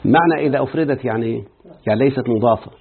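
A man's voice: mid-range voice, very fast, creaky, slight background noise. A man with an Egyptian accent, a sheikh explaining an Arabic grammar text and quizzing his students as he goes. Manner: quizzing students with repeated checks. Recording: tinny phone-like line.

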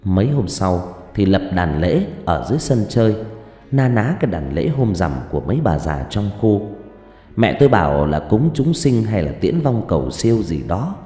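A man narrating a ghost story, slow and dramatic, hushed on suspense, with roomy reverb and faint music. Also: lowish voice, very animated.

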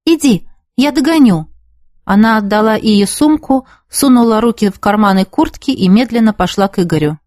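A woman reading a novel aloud as narrator, with a steady storytelling delivery. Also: mid-range voice, brisk, few pauses, no echo, clean studio sound. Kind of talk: scripted audiobook narration.

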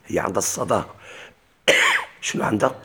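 A man's voice: on the low side, huge pitch swings, brisk, background noise. A man with a Moroccan Arabic accent teaching a classical grammar lesson. He keeps asking his class questions and then answering them himself.

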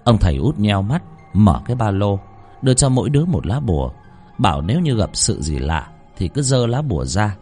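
A man narrating a horror story in a dramatic, lively storytelling manner. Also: fairly low pitch, fairly quick, soft background music.

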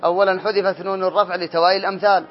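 High-pitched and rapid-fire with a flat delivery, an Arabic morphology teacher runs grammar drills in class, naming students and fixing their answers. The classroom audio is dull and lo-fi.

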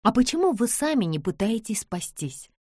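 A woman's voice: a little high, very animated, moderate pace, darkish tone, husky, no echo, studio quality, pitched above the performer's own voice. A woman voicing a brave young girl detective who pleads and urges in an audiobook. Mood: coaxing. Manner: urgent, pleading.

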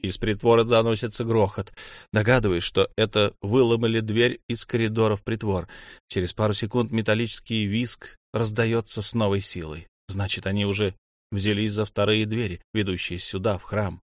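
A man's voice: lowish voice, level tone, moderate pace, dry recording. Man narrating a novel, tense and dry. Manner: tense, urgent. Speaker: audiobook narrator. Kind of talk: first-person novel narration.

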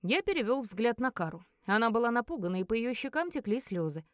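A woman reading a first-person fantasy audiobook in an expressive narrating voice. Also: fairly high pitch, fast talker, dry recording, studio quality. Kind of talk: scripted narration.

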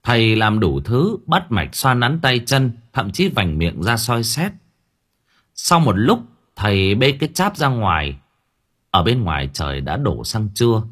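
A man narrating a serialized novel for an audiobook in an expressive storytelling manner. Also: fairly low pitch, unhurried.

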